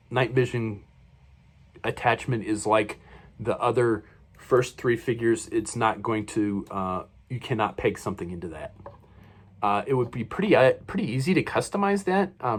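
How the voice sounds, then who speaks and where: A man casually reviewing action figures while he unboxes them, rambling along with many fillers and self-corrections. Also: on the low side. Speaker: toy reviewer.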